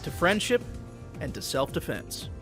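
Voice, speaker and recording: A man giving a sarcastic mock tutorial over gameplay, dry jokes breaking into gleeful shouting. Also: a little high, sing-song, a little slow, creaky, music in the background. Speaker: gaming video creator.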